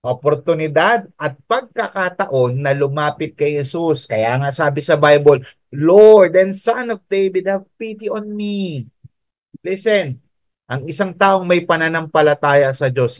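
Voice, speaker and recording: A man with a Filipino accent preaching a sermon, mixing Tagalog and English, reading scripture slowly and asking online listeners to type answers in the chat. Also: mid-range voice, no room sound. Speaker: pastor.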